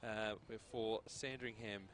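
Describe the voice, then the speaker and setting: A middle-aged Australian man hosts a football broadcast, chatting and cracking jokes before he reads out the scores and ladder standings. His voice sits on the low side with little pitch movement, and his pace is a little slow.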